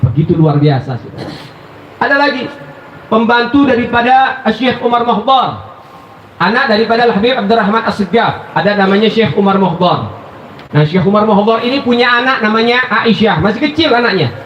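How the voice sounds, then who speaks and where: A high-pitched man delivers an animated storytelling sermon, calling out to his listeners as brothers. His voice rings through an echoey hall, captured on a dull, muffled recording with a faint hiss behind it. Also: normal speed. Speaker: preacher.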